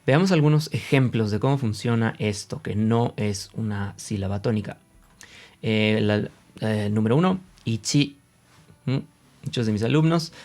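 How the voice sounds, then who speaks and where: A man's voice: on the low side, a little mellow. A man with a central Mexican accent teaching Japanese pronunciation in a casual, explanatory video lesson, with many fillers, often sounding out examples aloud. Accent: Mexican Spanish.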